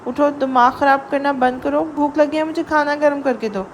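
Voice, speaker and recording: Woman voicing a proud young husband, curt, commanding, high voice, audio novel. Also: fairly even intonation, a little hiss or hum, natural voice. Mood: brusque. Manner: brusque and commanding.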